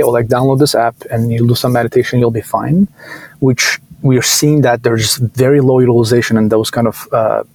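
Turkish-accented male founder in his thirties, mid-pitched, conversational and hesitant, guest on a podcast. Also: darkish tone, no room sound, poor audio. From Turkey. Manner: hesitant, many fillers and restarts. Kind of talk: casual interview talk.

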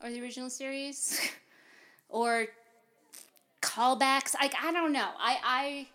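Woman podcast cohost, highish voice, laughs a lot, lots of stop-start rambling. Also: steady tone, slow pace, bright, forceful tone. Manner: laughs often, hesitant restarts, trailing off. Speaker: podcast co-host. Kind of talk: casual chat.

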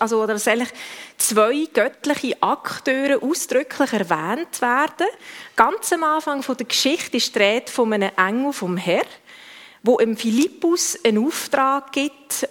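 Swiss german lady preaching, chatty sermon, fixes her words as she goes, slightly higher voice. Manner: conversational, with self-corrections.

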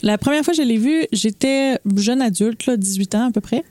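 A young woman with a Quebec French accent gives her opinion as a podcast guest, frank and deliberate. Her voice is fairly high but mellow. The sound is dry and close. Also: dry recording. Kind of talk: casual podcast chat.

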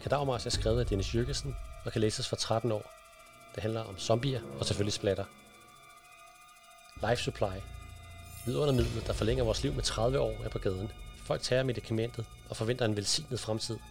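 A man presenting a book and reading a horror excerpt aloud in a steady storytelling way, over background music. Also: on the low side, vocal fry. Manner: steady storytelling narration, speeding up in action.

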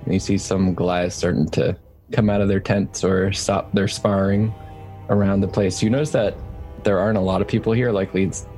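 Low, mellow male game master. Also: level tone, a little fast, faint music behind. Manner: loose descriptive narration with fillers. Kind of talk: tabletop game narration.

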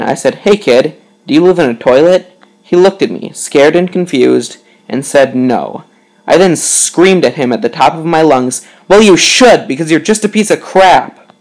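A man telling a dark comedy story in the first person, deadpan and matter-of-fact. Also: on the high side, creaky, poor audio. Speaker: comic storyteller.

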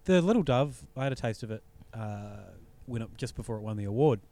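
A man with a New Zealand accent hosting a podcast, chatting casually about beer news with relaxed ums and restarts. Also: fairly low pitch, brisk. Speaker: podcast host.

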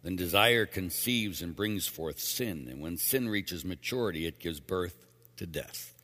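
A man's voice: low voice, expressive, a little slow, bright, forceful tone, long reverb tail. A man speaking as a priest, reading scripture and then giving a plain-spoken, emphatic homily with casual asides.

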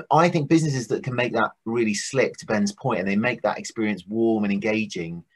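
A man's voice: lowish voice, fairly quick. A man co-hosting a business podcast, talking casually with frequent restarts. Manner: hesitant, many restarts and fillers. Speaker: podcast co-host.

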